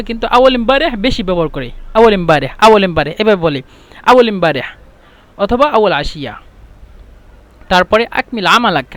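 A man teaching Arabic phrases in a spoken lesson. He repeats each phrase slowly and then explains it. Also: high voice, a bit bright, no echo.

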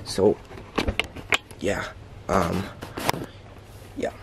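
A man's voice: sits low, level tone, extremely slow, gravelly, background noise. A man vlogging casually with a groggy morning voice, chatting loosely inside a small caravan on a handheld camera. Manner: chatty, loose, repeats "like" and "yeah". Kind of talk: casual vlog tour. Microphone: handheld vlog camera.

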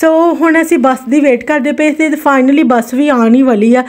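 A woman's voice: high voice, fairly even intonation, normal speed, a little mellow. A woman in her thirties with a Punjabi accent, narrating a casual daily vlog in a chatty, informal, exclamatory way. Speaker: vlogger.

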